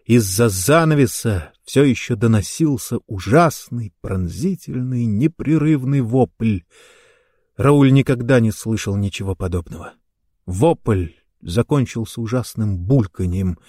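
Man, audiobook narrator, slow, measured, mid-pitched, dry close recording. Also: no room sound. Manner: slow, measured, even reading. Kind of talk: scripted story narration.

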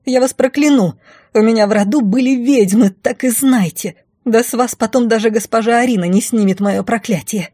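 A woman voicing a brash, spoiled young blonde woman who talks in shrill, squealing outbursts. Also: animated, fast, hardly any pauses, mellow, dry recording, studio quality, lightly acted. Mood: indignant.

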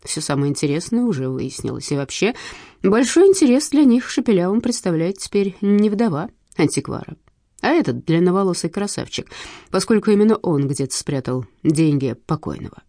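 A woman reading an audiobook in a lively, wry storytelling manner. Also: fairly low pitch, fairly quick, no echo, clean studio sound. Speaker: narrator. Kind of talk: audiobook narration.

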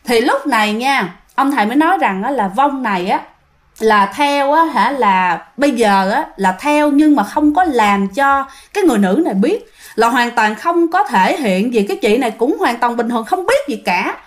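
A woman with a Southern Vietnamese accent telling a ghost story in a chatty, drawn-out way, often addressing her listeners. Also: a little high, lively intonation.

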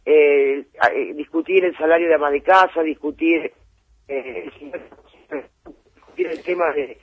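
The head of a gender commission joins live radio by phone, speaking a little slowly in a low-pitched voice with slight background noise. She's thoughtful and hesitant, using fillers and restarting sentences, while the tinny line drops out.

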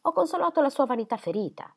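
Woman voicing a coquettish young lady, teasing and airy, lively swooping pitch, audiobook reading. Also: fast, gravelly, heavily acted.

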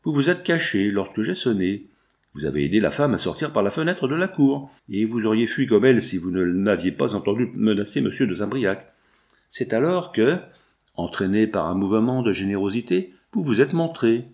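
A man's voice: on the low side, sing-song, normal speed, a little mellow. A man reading an audiobook, voicing a cold, accusing, vengeful middle-aged magistrate. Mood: stern.

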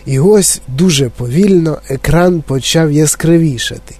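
Man reading a children's story, mellow voice. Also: on the high side, measured pace, dry recording. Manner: expressive storytelling. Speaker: narrator. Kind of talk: audiobook narration of a children's novel.

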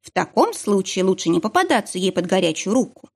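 A woman reading a novel aloud as scripted narration in an expressive way. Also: mid-range voice, brisk. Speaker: audiobook reader.

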